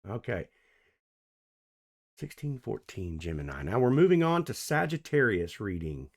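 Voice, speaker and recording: A man giving a casual, playful tarot reading to camera, chatty and rambling, swinging between loud and soft. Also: fairly low pitch, very animated, measured pace. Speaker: tarot reader.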